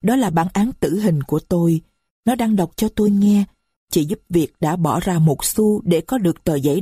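A woman narrating a story in the first person with a slow, grave, sorrowful reading. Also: fairly low pitch, dark tone, breathy edge, dry recording, studio quality. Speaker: audiobook narrator.

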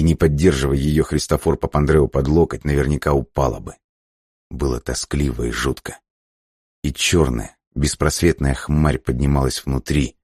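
A man reading an audiobook in slow, measured, somber scripted narration. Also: very deep voice, a little mellow, no echo, clean studio sound.

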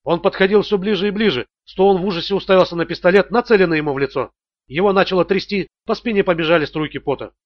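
A man narrating an audiobook thriller in a steady, tense manner. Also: high-pitched, quick pace, lo-fi sound.

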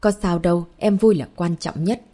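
A woman reading the lines of a calm, devoted young husband and father in an audiobook, with a gentle, reassuring manner. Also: sits high, normal speed.

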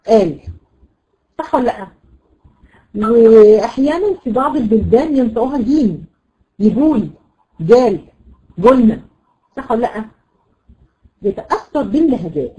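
A woman with an Egyptian accent teaching a Quran recitation lesson, explaining patiently, repeating words and checking understanding with quick questions. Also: a little high, warm tone, highs cut off. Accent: Egyptian Arabic. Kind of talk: classroom lesson.

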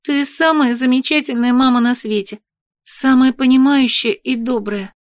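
A woman's voice: sits high, steady tone, no room sound, studio quality, voice pushed up, natural voice. A woman voicing a blunt, startled young heroine. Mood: grateful. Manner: startled, quick questions. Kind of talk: audiobook character voice.

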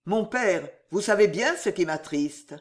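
Reader doing a sorrowful young knight, respectful tone, lively pitch, audiobook character. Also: unhurried, natural voice. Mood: sad. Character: young male knight, sad and earnest son.

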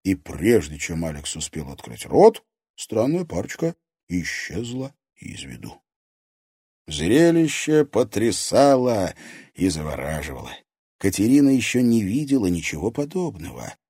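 A male audiobook narrator with a low, expressive voice that moves freely through the story. The recording is dry and close. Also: measured pace, husky, no echo. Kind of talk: scripted narration.

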